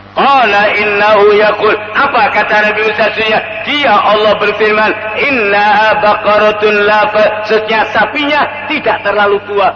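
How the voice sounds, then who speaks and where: Male preacher, high voice, long hall reverb, chants verses between storytelling. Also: lo-fi sound, slight background noise. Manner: animated storyteller, chants Quranic verses slowly. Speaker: Islamic preacher. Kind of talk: sermon storytelling. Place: mosque hall.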